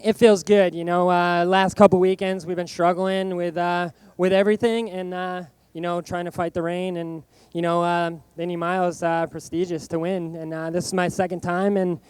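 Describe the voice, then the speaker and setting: A man giving a casual post-race interview as a racer, halting and plain-spoken, leaning on "you know". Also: sits high, level tone, a little mellow, clean tone. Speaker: motorcycle racer, race winner. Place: outdoor racetrack podium over microphone.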